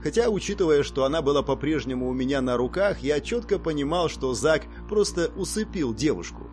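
Male audiobook narrator, somewhat high voice, wry and lively reading. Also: brisk, soft background music. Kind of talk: first-person audiobook narration.

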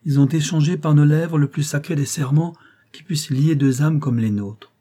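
A noble young princess in hiding speaks with solemn, declamatory devotion, read by a man in an audiobook. The voice is mellow and darkly toned, with a slightly husky grain. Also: fairly high pitch, moderate pace, voice pushed up, natural voice. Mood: earnest. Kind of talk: audiobook reading.

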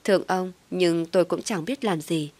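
A woman's voice: lowish voice, moderate pace, a little mellow, no echo. Woman narrating a family drama. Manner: reflective, worried inner monologue. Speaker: storyteller. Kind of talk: first-person story narration.

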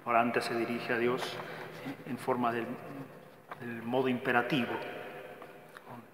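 A man's voice: medium pitch, completely flat delivery, a little slow. A man, a Dominican friar, giving a scripture lecture, often tagging phrases with a questioning "eh?" and emphatically reciting lists of verbs. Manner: frequent checking "eh?" tags. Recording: echoey hall with faint background noise.

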